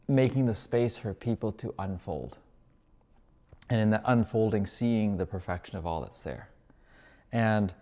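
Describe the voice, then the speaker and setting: Man, low gravelly voice, rambling introspective monologue, long reverb tail, spiritual coach. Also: a little mellow. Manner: introspective, thinking aloud, self-correcting. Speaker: spiritual coach and retreat host.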